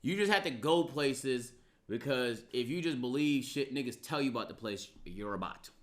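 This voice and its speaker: A man's voice: mid-range voice, lively intonation, normal speed, a bit bright. A man casually reacting to a video for his chat, joking and talking in loose slang.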